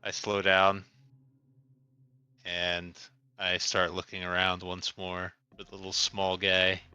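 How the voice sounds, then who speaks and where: Bright, slow-talking male role-player. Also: low voice, completely flat delivery, smooth, no room sound, highs cut off, soft background music. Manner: slow, gentle, reassuring in-character speech. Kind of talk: in-character tabletop role-play.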